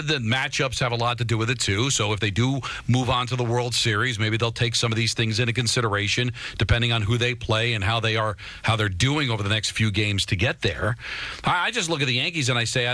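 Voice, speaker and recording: A man's voice: mid-range voice, pushed and bright, no room sound. A man co-hosting a sports talk radio show, arguing emphatically with repeated starts and rhetorical questions.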